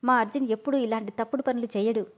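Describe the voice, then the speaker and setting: A woman's voice: on the high side, fairly even intonation, very fast, natural voice. A woman doing a distressed, scolding mother. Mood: pleading. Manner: pleading then scolding.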